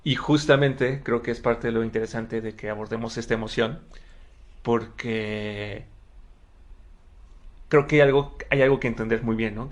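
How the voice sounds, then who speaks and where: A man hosting a psychology podcast, explaining research in a chatty way, with frequent tag questions and repeated words. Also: medium pitch. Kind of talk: casual conversational podcast.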